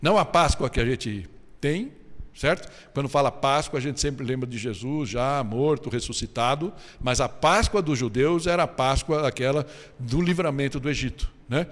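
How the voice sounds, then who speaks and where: A Brazilian man preaching a sermon in a conversational, explanatory way and often checking in with his listeners. His voice sits at a middling pitch for a man. It rings with the long reverb of a church hall. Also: moderate pace, fairly bright tone. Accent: Brazilian Portuguese. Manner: conversational preaching with frequent tag questions. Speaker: pastor.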